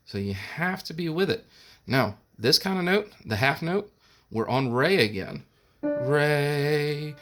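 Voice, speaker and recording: A male music teacher, talking at an unhurried, deliberate pace. He explains each step patiently and sometimes sings solfege syllables. His voice sits at a middling pitch. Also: sharp tone. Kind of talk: recorded remote music lesson.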